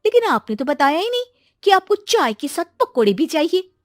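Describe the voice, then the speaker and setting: Woman voicing a high, chirpy young bride-to-be. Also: sing-song, normal speed, no room sound, studio quality, soft background music. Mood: polite, pleading. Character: spirited, free-thinking young woman about to marry.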